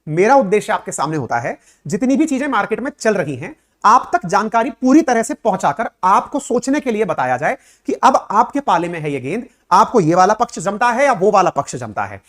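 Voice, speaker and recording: A man's voice: high-pitched, big pitch swings, fairly quick, a bit bright. A man who teaches current affairs, explaining to his viewers in a conversational lecturing way, full of rhetorical questions and direct address, with English words mixed in.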